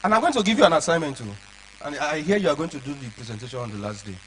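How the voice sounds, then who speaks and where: A man lecturing children on public speaking, animated and checking often that they follow along. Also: on the high side, rapid-fire, slight background noise, low-quality recording.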